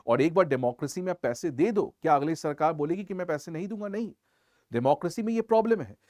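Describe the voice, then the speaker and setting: A man's voice: a little high, a little mellow, dry recording, clean studio sound. A man teaching an exam-prep lecture in Hindi mixed with English in an Indian accent. He drives his points home with rhetorical questions.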